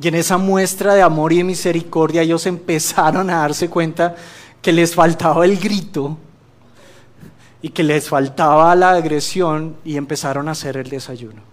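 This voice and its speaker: A man's voice: on the high side, fairly even intonation, normal speed. A man giving a church testimony, telling a story with humor and preaching to the congregation. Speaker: guest speaker giving a testimony.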